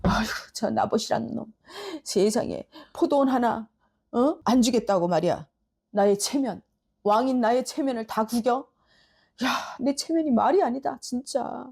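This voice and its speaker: A woman's voice: a little high, normal speed, vocal fry, a little mellow, slightly rough. A woman pastor voicing a petty king who sulks and grumbles like a spoiled child. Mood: grumbling. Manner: grumbling, whiny, indignant.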